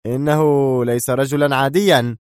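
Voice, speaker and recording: A man's voice: mid-range voice, no room sound, voice pushed up, lightly acted. Brief: man playing a firm, blunt agent, somewhat raised voice, dry studio read. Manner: curt, firm, deliberate. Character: cold, firm male American intelligence agent.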